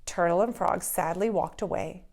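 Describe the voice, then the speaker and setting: A preschool teacher, a woman, reading a folktale aloud to children in an expressive storytelling manner. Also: lowish voice. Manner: expressive, slow storytelling pace.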